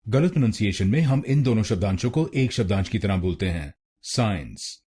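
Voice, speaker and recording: A man with an Indian accent teaching pronunciation, slowly repeating words syllable by syllable. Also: lowish voice, lively intonation, mellow, breathy edge. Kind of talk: instructional pronunciation tutorial.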